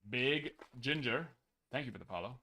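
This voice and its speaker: Through poor audio, a laid-back young man hosting a live card break reads numbers in a steady list at normal speed. His voice is medium-pitched and growing worn as he loses it.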